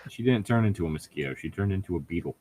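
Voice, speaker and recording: Reading fan fiction aloud as a co-reader on a riffing show, a man with a low, warm, slightly rough voice races along in an animated, rapid-fire way. He mocks the material casually, swearing, fumbling words and making sarcastic asides.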